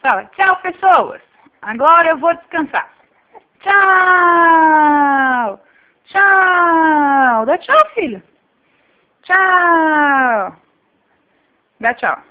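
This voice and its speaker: A woman's voice: extremely high pitch, lively intonation, very slow, pauses often. A woman, a mother, talking baby talk to her infant in a playful, sing-song, coaxing way. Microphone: phone camera. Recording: tinny lo-fi phone-camera audio.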